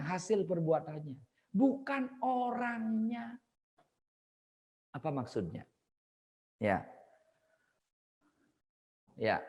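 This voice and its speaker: Animated man lecturing in an echoey hall. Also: high-pitched. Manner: animated, addresses audience directly, laughs at own jokes. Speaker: seminar speaker. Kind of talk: lively seminar talk with storytelling.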